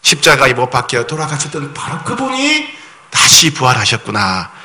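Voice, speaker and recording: Male pastor, sermon, very bright tone, lively pitch, asks the congregation questions, slow solemn scripture reading. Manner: acts out quoted voices with pitch jumps.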